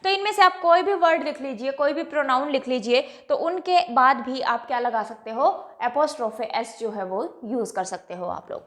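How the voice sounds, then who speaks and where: A woman teaches English grammar at the board. She repeats each point, stretches out the example words slowly, and keeps asking the class whether it is clear. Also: high voice, a bit bright. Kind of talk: classroom lecture. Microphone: writing on a board.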